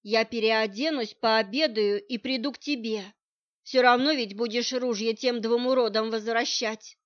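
A woman's voice: fairly high pitch, a little slow, lightly acted. A woman reading the part of an agitated male ex-soldier neighbor who blusters and frets, on a muffled lo-fi recording. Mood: insistent. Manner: excitable, blustering, alarmed. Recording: muffled lo-fi audio.

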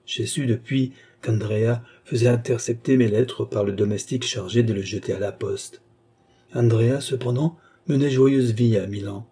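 A grieving young woman, voiced by a male audiobook reader, confides her past. The tone is mellow and soft-edged, with a husky grain. The reading stays measured and confessional throughout. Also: medium pitch, natural voice. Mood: remorseful.

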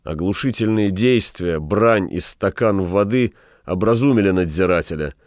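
A man reading literary prose aloud in a measured, even storytelling manner. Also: deep voice, dry recording, clean studio sound. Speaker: audiobook reader. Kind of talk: scripted literary narration.

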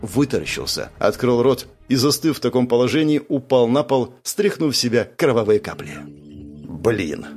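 Male narrator, audiobook, animated delivery, character voices, soft background music. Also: brisk, few pauses. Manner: lively, shifts pitch for characters.

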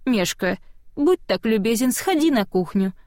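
A woman's voice: fairly high pitch, expressive, normal speed, a little mellow, no room sound, lightly acted. A woman voicing a stern old female witch healer, dry and commanding, in an audiobook. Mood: curt. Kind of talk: audiobook reading.

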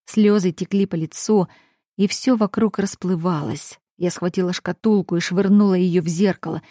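A woman reading a romance audiobook in the first person. Her reading is intimate and expressive, with a warm, mellow tone. The recording is dry and close, with no room sound. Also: on the low side, normal speed, no room sound. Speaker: audiobook narrator.

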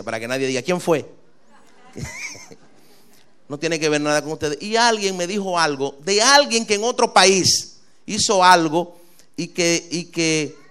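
A male pastor, preaching a sermon with lively, rising delivery and quick asides. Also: fairly high pitch, clean tone.

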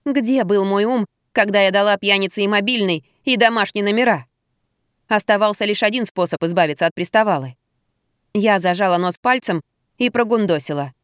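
A woman's voice: mid-range voice, fairly quick, dry recording, studio quality. Woman narrating an ironic tale. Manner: ironic, lively storytelling. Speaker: audiobook narrator. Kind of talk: scripted first-person narration.

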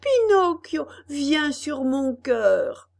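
A woman voicing a male puppet actor who declaims with theatrical, drawn-out shouting. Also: high voice, very animated, gravelly, pitched above the performer's own voice, heavily acted. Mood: dramatic.

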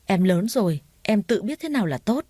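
A woman's voice: mid-range voice, very animated, a little fast, dark tone, husky, dry recording. A woman putting on a sulky, defiant young sister. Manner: petulant, talking back.

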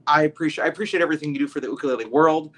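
A man's voice: on the high side, very fast, fairly bright tone. A man hosting a podcast, talking casually and at length with his guest, with many restarts. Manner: friendly, talkative, many restarts. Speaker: podcast host. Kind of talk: casual interview talk.

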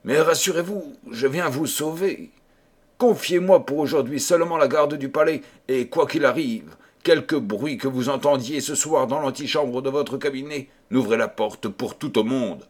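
A man's voice: mid-range voice, moderate pace, slightly rough, voice pushed up, lightly acted. A man voicing a sly scheming courtier. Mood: sinister. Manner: mysterious, clipped delivery.

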